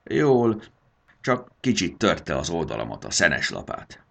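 A man's voice: low voice, wildly swooping pitch, vocal fry, fairly bright tone, exaggerated voice. A man voicing a fierce, grumpy mother dragon who roars and scolds in a storybook reading. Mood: cheerful. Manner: roaring, scolding.

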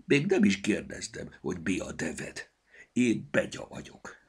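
A man's voice: low-pitched, sing-song, a little mellow, slightly rough, full character voice. A man voicing a sick little male goblin with a cold, speaking with a blocked nose and grumbling. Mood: grumpy. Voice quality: stuffy blocked-nose speech. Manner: grumbling, tired. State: congested with a cold.

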